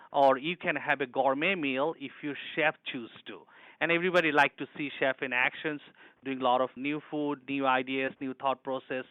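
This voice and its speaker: Bright-voiced man, dry sound. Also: a little high, no echo, highs cut off. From Bangladesh. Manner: earnest, with frequent restarts and broken grammar. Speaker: executive chef. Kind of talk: interview answers.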